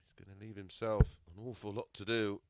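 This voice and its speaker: A man's voice: fairly low pitch, level tone, fairly quick, no echo. A man giving live sports commentary on a darts match.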